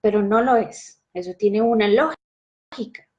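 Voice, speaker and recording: A woman's voice: mid-range voice, unhurried, dull audio. A woman, teaching French pronunciation in a casual, direct monologue and often checking in with the viewer. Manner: lively, direct, addresses viewer with frequent check-ins.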